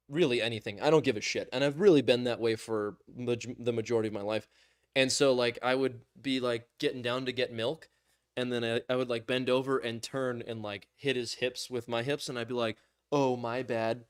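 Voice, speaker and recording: An animated young man co-hosting a casual podcast, telling stories and mimicking the people in them. He laughs often and swings his pitch up high for the quoted lines. The recording is dry and close. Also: normal speed, dry recording. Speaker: podcast co-host. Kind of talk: casual chat.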